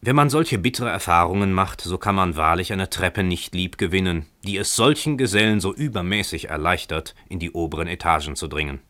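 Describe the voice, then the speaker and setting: A man voicing a poor tenant who talks calmly and wryly, defending himself with mock-earnest reasoning in a radio story reading. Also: low voice, a little fast, hardly any pauses. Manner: calm, wry, overly reasonable.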